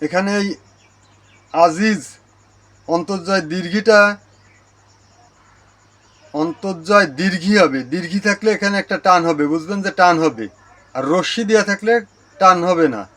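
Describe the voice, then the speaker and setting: A man's voice: high voice, moderate pace, pauses often, bright, forceful tone. A man with a Bangladeshi Bengali accent hosting his channel, giving a religious lesson and carefully repeating Arabic words to correct their pronunciation. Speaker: Islamic teacher and channel host. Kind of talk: religious lesson on Quran recitation.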